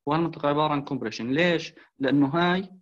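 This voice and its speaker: A man's voice: fairly high pitch, racing. A man with a Levantine Arabic accent gives a recorded engineering video lecture, explaining step by step, asking rhetorical questions and mixing in English technical terms. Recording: dull lo-fi recording.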